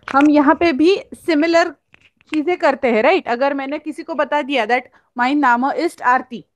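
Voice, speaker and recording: A woman's voice: high-pitched, darkish tone, no room sound. A woman teaching German on an online class, explaining patiently and often checking with "right?". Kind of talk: online class lesson in Hindi and English.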